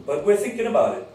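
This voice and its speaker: Relaxed male guest from Chile, very echoey. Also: high voice. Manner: relaxed, thinking aloud with hedges. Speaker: band member guest. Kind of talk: casual interview chat. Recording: very echoey distant mic with faint music.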